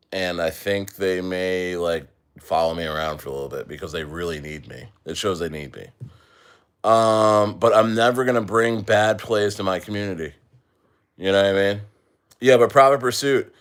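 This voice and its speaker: Male livestream host, slightly low voice, loose rambling chat, lots of "you know what I mean". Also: unhurried, clear, resonant tone. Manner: rambling, full of fillers, talks to viewers.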